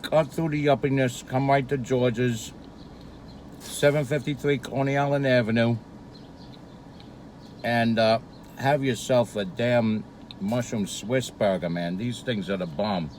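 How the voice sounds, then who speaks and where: A man's voice: medium pitch, fairly even intonation, a little slow, pauses often, darkish tone, a little hiss or hum, low-quality recording. A man rambling casually and profanely to camera while eating, with lots of hesitant fillers. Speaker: vlogger. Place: street near a Brooklyn diner.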